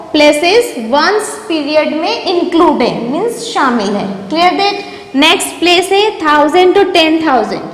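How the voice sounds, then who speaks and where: High-voiced woman teaching in an echoey room. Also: fairly bright tone. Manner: asks questions and answers them herself, repeats key terms. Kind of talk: classroom maths lesson. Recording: echoey room with long reverb.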